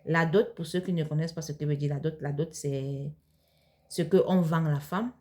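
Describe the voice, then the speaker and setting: A Cameroonian vlogger talks casually, answering viewers' questions haltingly with plenty of fillers and restarts. Her low-pitched voice has a steady, dark tone and moves at normal speed.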